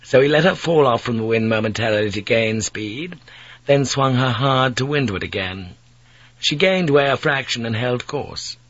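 Husky man narrating an audiobook. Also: medium pitch, moderate pace, dry recording. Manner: vivid storytelling, shouts the characters' cries.

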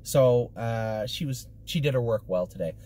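A middle-aged stable commentator sits in his car giving a casual, matter-of-fact horse update to a camera or phone mounted at arm's length. His mid-range voice is dark-toned and moves at a normal speed in choppy, informal phrases, with clear car background noise.

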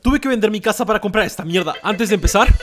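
A young man streaming from a small room into a boom mic, sarcastic and hyper, swearing a lot and calling everyone bro. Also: fast, loud music behind the voice. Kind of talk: comedic vlog. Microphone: desk boom mic.

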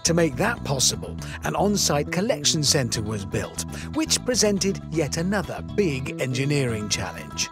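Male narrator, animated, with background music. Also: a little high, a little slow. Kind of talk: documentary voice-over narration.

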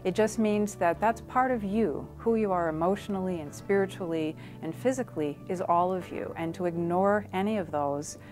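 A woman's voice: lowish voice, normal speed, few pauses, darkish tone, soft background music. A woman in her fifties, a clinic doctor, speaking earnestly in a documentary interview in her office. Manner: earnest, reflective.

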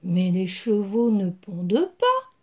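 A woman's voice: mid-range voice, huge pitch swings, slow pace, darkish tone, pitched below the performer's own voice. A woman voicing a kindly, sensible red hen who explains things patiently in a children's storybook. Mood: explaining.

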